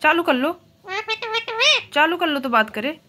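A woman's voice: high-pitched, measured pace, bright, forceful tone. A woman talking doting baby talk to her pet, coaxing and repeating the same question over and over. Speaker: pet owner.

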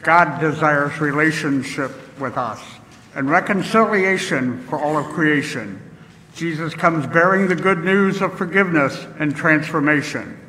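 A man reads liturgy and scripture in a measured, solemn cadence, his voice bright and clear. He speaks at a lectern microphone in a large sanctuary, and a long church reverb trails each phrase. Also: a little high, a little hiss or hum. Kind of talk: leading worship and reading scripture.

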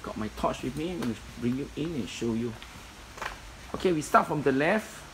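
Man with a creaky voice listing storage contents. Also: medium pitch, lively intonation, moderate pace, background noise. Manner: plain, matter-of-fact listing with many fillers. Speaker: storage unit seller. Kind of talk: walkthrough commentary. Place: indoor storage unit. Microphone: phone camera held in hand.

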